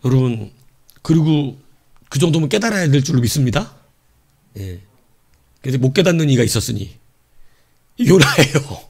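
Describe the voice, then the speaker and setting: A middle-aged man preaching a sermon as pastor, telling the story playfully with laughs and dropping to quiet asides. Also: medium pitch, big pitch swings, normal speed, pauses often, slightly rough.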